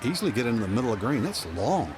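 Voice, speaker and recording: Man, golf analyst, live commentary, mid-pitched voice, clear outdoor background noise. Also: big pitch swings, racing. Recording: noisy outdoor broadcast.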